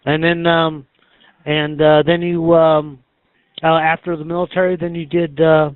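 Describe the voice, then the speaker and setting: A man conducting a casual interview, asking halting, hesitant questions with many pauses. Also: a little high, little pitch movement, smooth. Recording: tinny phone-like band, roomy echo.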